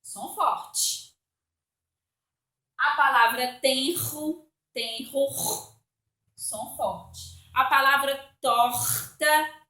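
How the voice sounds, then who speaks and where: A woman with a Brazilian Portuguese accent, teaching a recorded spelling lesson for children, patient and slow, repeating words to explain them. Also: high voice, pushed and bright, roomy sound.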